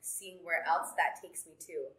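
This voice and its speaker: A woman singer with a bright, lowish voice, speaking earnestly and groping for words. The room echoes around her and faint music plays behind. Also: measured pace. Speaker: singer and dancer. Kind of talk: casual interview.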